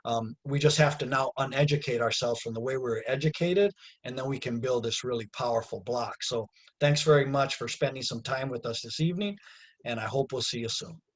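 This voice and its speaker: Giving closing remarks on a webinar via video call, an American community organizer speaks earnestly and grows more emphatic and raised. His voice is medium-pitched and fairly quick.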